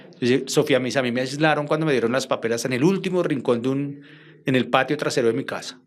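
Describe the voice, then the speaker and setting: A Colombian man, a journalist, recounts a strange episode to his interviewer at a mid pitch. He tells it in a lively way, acting out each quoted line of the conversation as he goes. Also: quick pace. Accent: Colombian Spanish. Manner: animated, acts out quoted dialogue. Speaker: journalist guest. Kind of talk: storytelling interview.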